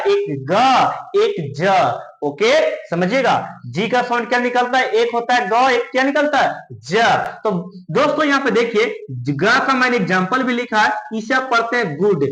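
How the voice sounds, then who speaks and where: A man's voice: very high-pitched, fairly bright tone, reverberant, rough recording. A male teacher from India, giving a pronunciation lesson in Hindi and quizzing his students with repeated questions. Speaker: English teacher.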